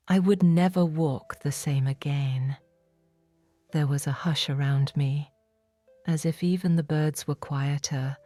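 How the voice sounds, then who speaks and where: A woman voicing a repentant, forgiven woman of biblical times in a whispered role-play, telling her story in a hushed, reverent, intimate first person. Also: deep voice, no room sound. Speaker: audiobook narrator.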